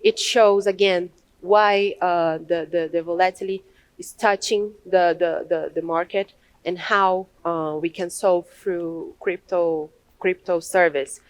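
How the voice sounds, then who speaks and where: A young Brazilian woman, a native Portuguese speaker with a Brazilian accent, gives a hesitant presentation at a podium in a large conference hall, full of restarts and fillers. Her voice is on the low side with fairly even intonation and an unhurried pace, recorded roughly with no echo.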